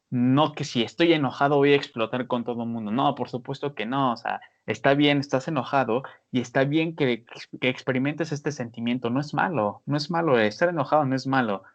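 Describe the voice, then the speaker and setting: A man giving casual advice on a podcast, animated, with many fillers. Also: medium pitch. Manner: animated, many fillers, acts out scolding voices. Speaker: podcast panelist. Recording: dull lo-fi sound.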